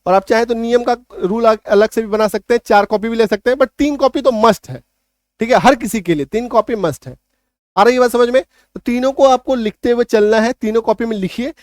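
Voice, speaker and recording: A man teaching an online spelling lesson in English, emphatic, slowly drawing out example words and checking often that students follow. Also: extremely high pitch, no room sound, clean studio sound. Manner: emphatic, repeats key points with rhetorical checks.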